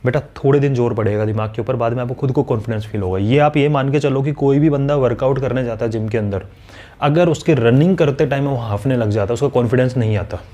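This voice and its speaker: Mellow and medium in pitch, a man addresses the camera while teaching maths, both coaching and reprimanding his students directly. He imitates their responses and recites tables rapidly.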